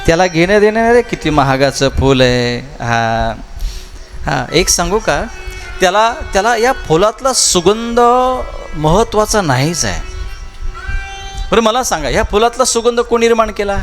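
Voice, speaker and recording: At a large festival gathering, a kirtan preacher with a Marathi accent tells the Shiv Mahapuran katha in a devotional sermon, peppering the crowd with rhetorical questions and repeated phrases. His voice is high and expressive at a moderate pace, with faint music behind it.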